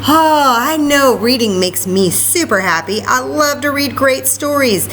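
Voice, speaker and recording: High-pitched and expressive, with a fairly bright tone, a woman reads to young children at a measured pace on a rough recording with slight hiss. She keeps it sing-song and chatty, singing, reading and encouraging them directly, with frequent asides.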